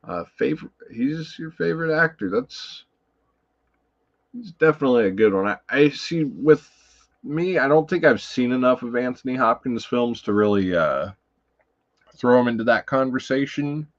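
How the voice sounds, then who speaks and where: A man's voice: medium pitch, lively intonation, moderate pace, highs cut off. A man hosting a casual livestream about films, talking in a rambling, profane way, full of fillers. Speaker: livestream host.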